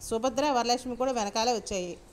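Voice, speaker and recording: Woman narrator for a serialized novel, high voice, steady and measured. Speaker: storyteller. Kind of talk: reading a serialized novel aloud.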